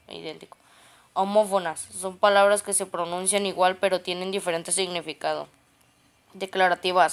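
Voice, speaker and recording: Woman, clear smooth voice, reads grammar notes aloud term by term, stumbles and restarts often. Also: lowish voice. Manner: reads a list of terms and definitions, with frequent restarts on words.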